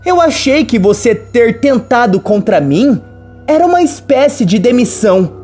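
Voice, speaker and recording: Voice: medium pitch, sing-song, unhurried, darkish tone, soft background music, pitched above the performer's own voice. A narrator reading a defiant young heroine, firm and sarcastic.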